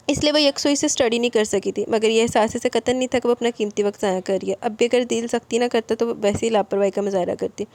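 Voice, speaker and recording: A woman narrating a romance novel aloud, switching into livelier voices for each character's lines. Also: a little mellow. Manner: voices dialogue with raised pitch and more force.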